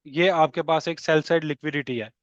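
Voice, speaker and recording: A man walks through trading charts in a fairly high voice, repeating key points and checking that his listeners follow. The recording is dry and a little dull, with no room sound. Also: fairly even intonation, fairly quick, no echo. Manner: explanatory, repeats key points, mixes English terms, checks in with "theek hai". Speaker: trading instructor. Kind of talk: explaining charts in a lesson.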